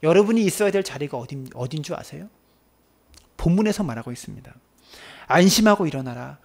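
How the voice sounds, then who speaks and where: A man preaching a Sunday sermon as pastor, impassioned, swinging between loud cries and hushed near-whispers. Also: a little high, expressive, quick pace.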